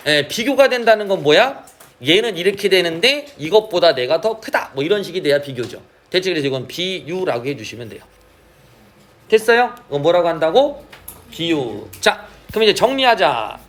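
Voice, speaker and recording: Lively high-voiced male teacher. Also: normal speed. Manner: asks frequent check questions, drawls key terms. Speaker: Korean literature teacher. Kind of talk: classroom lecture.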